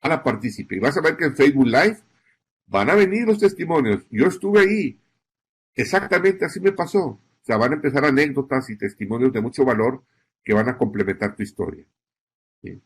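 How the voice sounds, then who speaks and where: Male instructor, husky, mid-pitched voice, didactic lecture delivery with frequent check-ins. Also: animated, a little fast. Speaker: journalism instructor. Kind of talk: recorded lecture.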